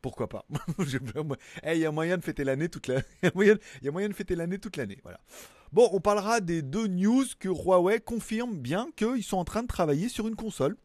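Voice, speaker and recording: A man's voice: sits high, expressive, fairly quick, a little mellow, no echo, clean studio sound. A man hosting a casual tech news show, chatting in a rambling, jokey way with frequent asides. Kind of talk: casual chat.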